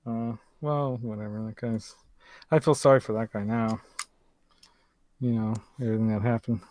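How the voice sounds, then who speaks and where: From his home workshop, a man hosts a casual show, chatting and joking as he works on a guitar, laughing often and thinking aloud. His mid-range voice is steady and darkish at a moderate pace, picked up by a close desk mic with no room sound.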